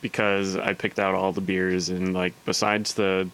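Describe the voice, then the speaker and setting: A man's voice: deep voice, level tone, unhurried, fairly bright tone, smooth, poor audio. A young man co-hosting a casual podcast, rambling and saying "like" a lot. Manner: rambling, filler-heavy, says like a lot. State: working and in school. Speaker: podcast co-host. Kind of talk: casual chat.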